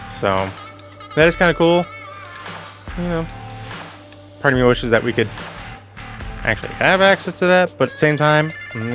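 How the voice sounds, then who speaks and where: A man giving casual, rambling commentary over a farming game while losing his voice, clearing his throat now and then, with soft music behind. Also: medium pitch. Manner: rambling, self-correcting, chatty. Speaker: gaming channel host.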